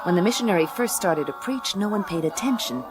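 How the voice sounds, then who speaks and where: Playing a wisecracking woman detective in a radio play, the actress delivers dry, blunt, slangy narration of her case over music. Her mid-range voice is expressive and brisk, close to how she'd normally talk. The audio is poor.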